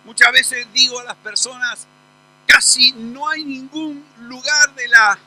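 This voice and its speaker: A male pastor preaches in a church. His voice sits very high for a man and rings bright and forceful. He tells stories in an animated, emphatic way. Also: rough recording. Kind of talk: sermon.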